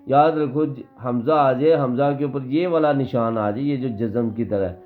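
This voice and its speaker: Patient female recitation teacher, deep voice, heard over a tinny call line. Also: soft background music. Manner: patient, drills words, models slow recitation. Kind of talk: online tajweed lesson.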